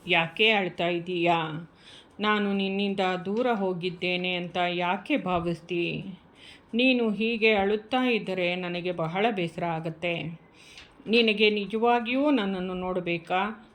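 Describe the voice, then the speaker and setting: A woman voicing a gentle old yogi guru. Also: lowish voice, slow pace. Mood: coaxing. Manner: gentle, coaxing, instructive.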